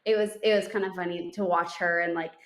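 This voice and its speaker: This young woman speaks briskly in a steady, lowish tone as she co-hosts a podcast. She tells a story chattily, peppered with fillers and restarts.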